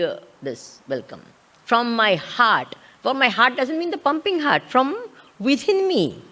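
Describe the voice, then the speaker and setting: A woman with an Indian accent giving a scriptural lecture as a spiritual teacher, repeating key words and posing questions to check understanding. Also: fairly high pitch.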